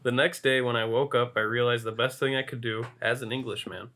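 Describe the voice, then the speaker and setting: A man's voice: mid-range voice, fairly even intonation, fairly quick, sharp tone. Man, podcast co-host, reading a story aloud, amused, laughing now and then.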